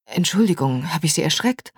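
A woman's voice: low voice, expressive, fairly quick, slightly rough, dry recording, studio quality. A woman voicing a polite, easygoing young American man in an audiobook. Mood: friendly.

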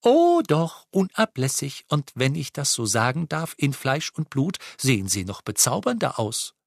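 A man's voice: mid-range voice, wildly swooping pitch, measured pace, gravelly, dry recording, clean studio sound, exaggerated voice. A man voicing a polite, dreamy teenage boy who speaks in a formal, flowery way, eager to please. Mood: courtly, eager.

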